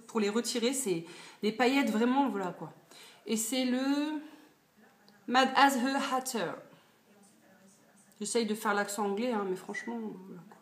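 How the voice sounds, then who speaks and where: A woman in her twenties chatting casually about her purchases in a beauty haul video, with lots of fillers. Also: a little high. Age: 20s. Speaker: beauty vlogger. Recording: echoey room, faint noise.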